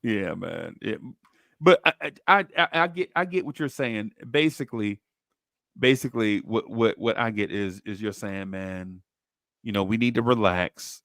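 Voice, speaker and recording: A man's voice: on the low side, lively intonation, moderate pace, fairly bright tone, no echo. Guy hosting sports talk, slangy, repeats himself for emphasis, really dry sound. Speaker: sports talk show host. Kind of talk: casual chat, slangy banter.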